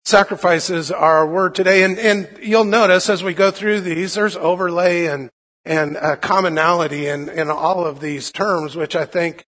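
A man preaching a sermon as a pastor, with a gravelly, hoarse voice and a halting, informal delivery that often repeats words. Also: sits high, fairly even intonation, fairly bright tone. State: hoarse from being unwell. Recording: long hall reverb.

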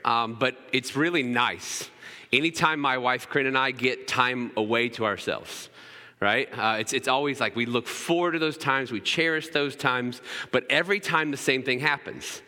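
A pastor in his thirties preaches a sermon in a church sanctuary, his mid-range, sharp-toned voice moving at a moderate pace. He talks casually and conversationally, often checking in with "right?". Long hall reverb fills the recording.

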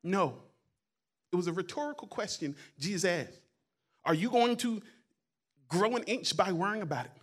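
A man preaching a sermon as a guest pastor, loud and emphatic in places and quiet in others, often repeating his words and phrases. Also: high voice, lively intonation, moderate pace, pauses often, husky. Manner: preaching, swings between quiet asides and loud emphatic calls.

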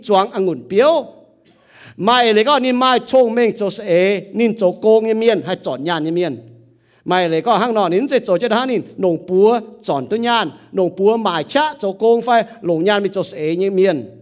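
A man preaching a sermon as pastor, with a rising and falling delivery. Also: high-pitched.

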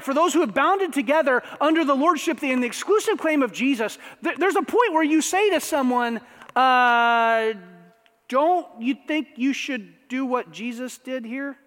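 A man with a strikingly high voice preaches to his congregation, animated and conversational, dropping asides as he goes. His voice rings out with the long reverb of a church sanctuary. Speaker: pastor. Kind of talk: sermon.

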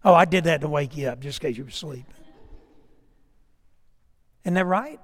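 A man preaching a sermon in a conversational storytelling way, swinging between raised emphasis and quiet asides. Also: a little high, normal speed, big-room sound. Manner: conversational storytelling preaching, rising and dropping to a hush.

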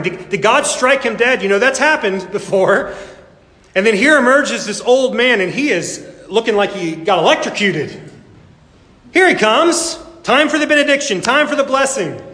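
A pastor preaching an emphatic sermon with dramatic pauses, in a church sanctuary. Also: male voice, high-pitched, bright, forceful tone. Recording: echoey hall with long reverb.

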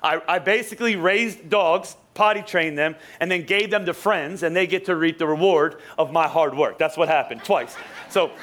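A young man preaching in a church, his voice pitched high as he tells a rambling, sarcastic story. He stumbles through restarts and throws asides to the people in the pews. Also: normal speed, a bit bright. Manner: joking, sarcastic, many restarts and asides to the congregation. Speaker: pastor. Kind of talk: casual storytelling sermon. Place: church sanctuary.

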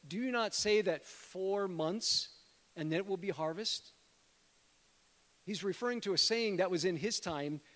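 High-voiced man preaching in a reverberant hall. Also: fairly bright tone. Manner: conversational, addresses congregation as friends. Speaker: guest preacher, missionary. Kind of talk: sermon. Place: church sanctuary.

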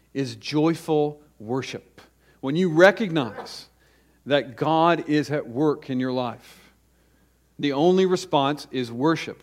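A male pastor preaching a sermon at a pulpit microphone, slowing down to stress lists of words. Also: a little high.

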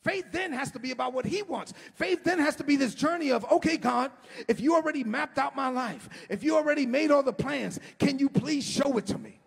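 A middle-aged man preaching an impassioned sermon as a pastor, often shouting and stretching his words, recorded in a church sanctuary. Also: very high-pitched, fairly quick, gravelly. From United States. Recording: long hall reverb.

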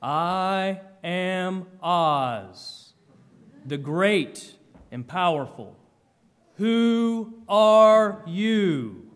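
A man voicing a great and powerful male wizard, with a booming, magically amplified voice and a slow, thundering delivery. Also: animated, smooth, heavily acted. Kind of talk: acted quote within a sermon.

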